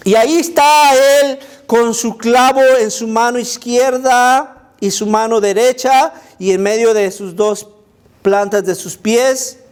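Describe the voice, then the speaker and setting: A male children's pastor leads a Bible story lesson for kids. His voice sits high and his pace is unhurried. He tells it with emphatic energy and mixes stray English words into his Spanish. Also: clear, resonant tone. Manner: animated and emphatic, inviting listeners to imagine.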